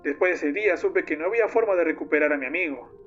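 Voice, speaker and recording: In scripted first-person horror narration, a man with a slightly high voice speaks fast with light acting, playing a grieving, bitter young man bent on vengeance as he recounts his friend's monstrous downfall. The muffled lo-fi audio sits under loud music.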